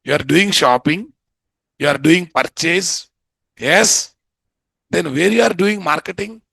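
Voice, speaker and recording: High-pitched creaky man with Telugu Indian accent. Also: measured pace, dry recording. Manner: animated, colloquial, repeats rhetorical questions to the class. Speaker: programming instructor. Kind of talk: interactive classroom lecture.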